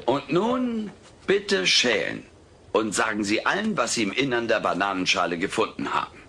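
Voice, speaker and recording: Heavily acted and slightly rough, a man's fairly low voice swoops wildly in pitch as he plays a boastful furry alien magician spouting pompous, showy patter in a radio comedy. He moves at a moderate pace with vocal fry and a sharp tone. The audio is a noisy transfer from an old cassette.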